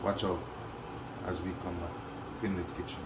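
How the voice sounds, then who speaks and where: A man's voice: low voice, flat delivery, normal speed. A middle-aged man hosts a casual cooking demonstration in a small home kitchen, talking chattily and checking in with "yeah?" and "you know what I mean?". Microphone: camera mic at a distance. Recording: echoey kitchen, distant camera mic, noisy.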